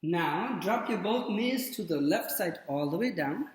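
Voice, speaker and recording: A man guiding a yoga class with calm, short spoken cues and pauses between them. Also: high-pitched. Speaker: yoga instructor. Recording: very echoey room with long reverb.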